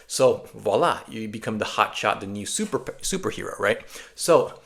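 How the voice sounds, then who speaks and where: A young man who grew up in Japan, talking straight to his viewers as a language coach, emphatic and energetic, with many fillers and restarts. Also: lowish voice, normal speed, creaky. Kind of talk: direct-to-camera coaching talk.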